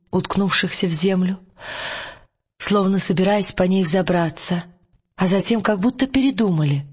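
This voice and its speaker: Man narrating a storybook, husky. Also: high voice, dull audio. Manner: calm, measured storytelling. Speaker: audiobook narrator. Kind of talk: scripted narration.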